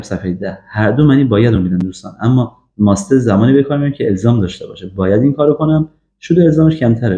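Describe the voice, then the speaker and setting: A man giving an English grammar lesson, drilling example sentences slowly with frequent fillers. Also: lowish voice, mellow. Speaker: English teacher. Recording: echoey, dull lo-fi room recording.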